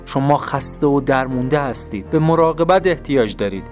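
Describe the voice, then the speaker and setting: A man's voice: medium pitch, animated, soft background music, natural voice. A man voicing Sorrow, a gloomy male general who personifies grief and taunts his foes in a mournful tone, in a narrated audio story. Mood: gloomy taunting.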